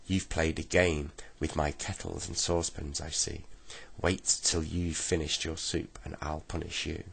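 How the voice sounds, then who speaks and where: Storybook old woman, fierce and scolding, gravelly low voice raised up, as a male reader puts her on. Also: level tone, measured pace, fairly bright tone, exaggerated voice. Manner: scolding and shrill. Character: fierce bossy old woman who lives in a shoe.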